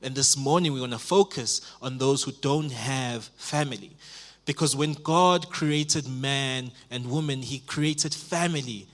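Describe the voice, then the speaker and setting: A man's voice: mid-range voice, measured pace, a bit bright. A man in his twenties, a pastor preaching a sermon in church, earnest, with repeated phrases and many fillers. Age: 20s.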